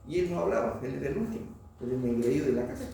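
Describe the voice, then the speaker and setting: A man lectures a class from a distance, his dark, gravelly voice bouncing around a very echoey room. Faint noise sits under the recording. He keeps throwing questions at the students and tags his points with "¿no?". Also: medium pitch, expressive, rapid-fire. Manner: asks the class questions, tag "¿no?". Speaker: oral surgery lecturer.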